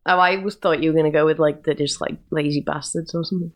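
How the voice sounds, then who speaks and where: A woman's voice: low-pitched, steady tone, quick pace. A woman co-hosting a podcast, chatting casually and telling everyday anecdotes. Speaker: podcast co-host.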